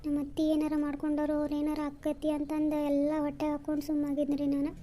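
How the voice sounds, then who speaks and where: Woman voicing a brisk, bossy village woman. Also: high-pitched, completely flat delivery, mellow, a little hiss or hum, natural voice. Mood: confiding. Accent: North Karnataka Kannada. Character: chatty village woman consoling her friend. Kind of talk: cartoon comedy voice acting.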